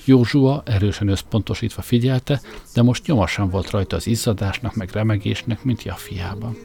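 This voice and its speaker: A man's voice: fairly low pitch, creaky, mellow. A man narrating an audiobook in a wry, comic first-person storytelling style.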